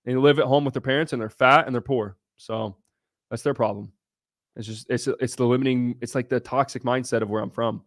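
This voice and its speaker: A young adult man from Southern Ohio hosts a casual livestream, answering viewers' questions bluntly and brashly and swearing freely. His mid-range voice is fairly quick with fairly even intonation, and the audio is clean studio sound with no echo.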